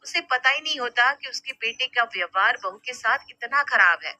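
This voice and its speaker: Brief: woman narrator, bright and crisp, steady storytelling, dry booth sound. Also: a little high, normal speed, dry recording, muffled recording.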